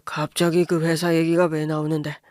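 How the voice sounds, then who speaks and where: 여자 성우가 연기하는 무뚝뚝한 중년 아버지, 다그치는 톤, 울림 없는 소리. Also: female voice, low voice, level tone, normal speed, darkish tone, dry recording, studio quality, pitched below the performer's own voice, natural voice. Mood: indignant. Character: stubborn middle-aged father, angry and bitter.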